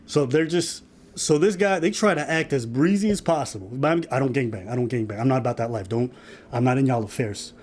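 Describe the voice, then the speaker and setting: A man hosting a casual podcast, reacting to a video with joking, profane, animated commentary. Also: medium pitch, fairly quick. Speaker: podcast host.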